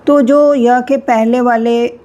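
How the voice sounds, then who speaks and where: A woman teaching a Hindi spelling lesson, slow and deliberate, spelling out sounds with pauses. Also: on the high side, steady tone, dark tone, muffled recording.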